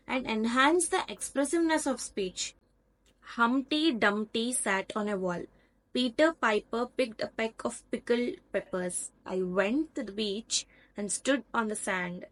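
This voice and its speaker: A woman with an Indian English accent, teaching a lecture patiently, step by step with examples. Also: fairly high pitch. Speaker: online tutor. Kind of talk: explanatory lecture over slides.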